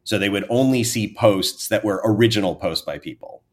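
A man, explaining research findings in an interview in a measured, academic way. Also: fairly low pitch. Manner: measured, academic, trails off at sentence ends. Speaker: researcher guest.

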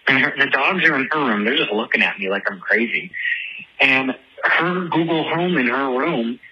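A man with a medium-pitched, slightly breathy voice talks at a moderate pace. He's a listener calling in to leave a casual voice message for a show, and he tells his story in a chatty, dramatic, self-deprecating rush of words. It sounds like it was recorded over a phone.

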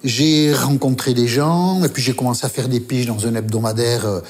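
An older man with a Basque accent, telling stories from his career as a journalist in a lively, casual way with the odd swear word. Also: medium pitch, moderate pace. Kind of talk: interview storytelling.

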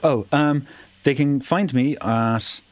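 A man's voice: mid-range voice, slow, dry recording. A man chatting casually as a podcast guest, pronouncing his R's as W. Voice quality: cannot pronounce R, says w for r. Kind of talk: casual chat.

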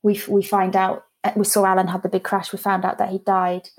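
A woman's voice: mid-range voice, monotone, a little fast. A woman in her thirties, a guest talking candidly and chattily about running her own PR business, often restarting her sentences. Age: 30s. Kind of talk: casual interview conversation.

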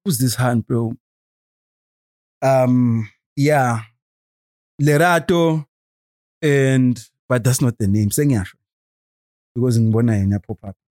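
A young man with a Swazi accent chatting casually on a podcast in an animated, repetitive, slangy way, switching between languages. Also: mid-range voice, slow pace, long pauses. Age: young adult. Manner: animated, repetitive, peppers talk with "bro".

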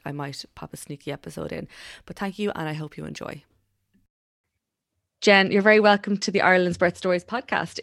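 Irish woman, podcast host, low pitch, gravelly fry, earnest informal delivery, dry sound. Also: no room sound. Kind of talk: podcast introduction and interview.

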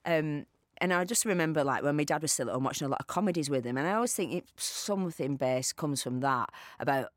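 A woman's voice: low-pitched, fast, few pauses, no echo, studio quality. A woman with a Northern English accent, a guest actor in casual chat, self-deprecating and chatty. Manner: chatty, self-deprecating, slips into lively quoted voices.

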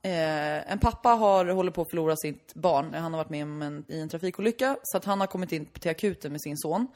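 Animated young woman telling stories. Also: deep voice. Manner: animated storyteller, acts out quotes loudly. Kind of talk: casual chat.

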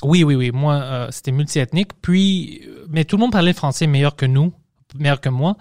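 Homme à la voix un peu aiguë, parlant franglais. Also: male voice, on the high side, moderate pace, darkish tone, no echo, studio quality. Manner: casual, swears freely, mixes English words into his French. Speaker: podcast host. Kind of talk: casual conversation.

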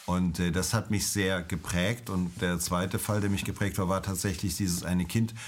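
Middle-aged guy, super deep voice, calm doctor explaining stuff. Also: normal speed. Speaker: emergency doctor, interviewee. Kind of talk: interview answers.

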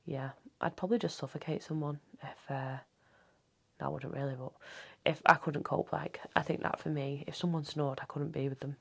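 A low-voiced woman in her thirties rambles through a late-night solo podcast from home. Her voice is husky with a gravelly edge, and she swears freely and often slips into a hushed half-whisper. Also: fairly even intonation, moderate pace. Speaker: podcast host. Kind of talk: casual solo podcast chat.

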